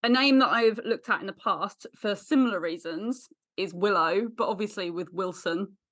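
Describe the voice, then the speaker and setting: A woman's voice: mid-range voice, moderate pace, a bit bright. A woman co-hosting a podcast, chatting casually, playful and laughing often. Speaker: podcast co-host. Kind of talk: casual chat.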